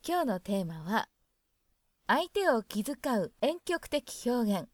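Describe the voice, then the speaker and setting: A woman teaching a dialect lesson, explaining phrases in a gentle, chatty way. Her voice sits fairly high and moves up and down a lot. The sound is dry and close. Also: big pitch swings, slow pace, no room sound.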